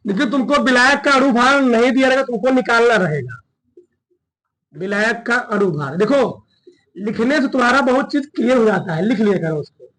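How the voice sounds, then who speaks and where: A man teaching a chemistry lesson, his voice very high and bright. He talks in a colloquial way while working a problem step by step. He keeps stopping to check that his students are following. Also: lively intonation, moderate pace, rough recording.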